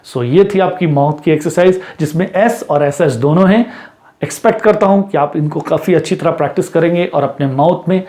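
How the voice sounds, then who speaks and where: A man teaching English pronunciation, repeating example words slowly and deliberately. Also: fairly high pitch, dark tone. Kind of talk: lesson with slow drilled examples.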